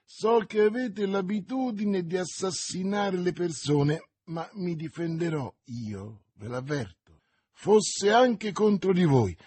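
A man's voice: high voice, lively intonation, warm tone, husky, dry recording, pitched above the performer's own voice, exaggerated voice. A man doing a cold, sneering English baron. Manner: icy, sneering, deliberate.

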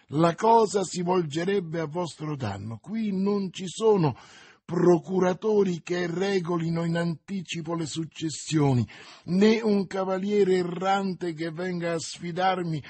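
A man voicing a cold, contemptuous English baron who threatens his captive in an icy, sneering, deliberate way in an audiobook. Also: on the high side, darkish tone, breathy edge, no room sound.

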